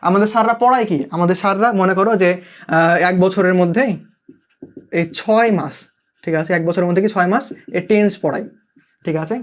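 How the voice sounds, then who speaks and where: Man, young, Bangladeshi Bengali accent, live online tutor, quick pace, keeps asking students to comment. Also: high voice. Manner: checks in constantly, asks students to comment. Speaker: English tutor.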